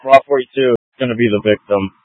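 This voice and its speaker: A man working as a police officer, calling in reports over a police radio in a brisk, matter-of-fact way. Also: medium pitch, fairly even intonation, no room sound. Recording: tinny narrow-band radio transmission.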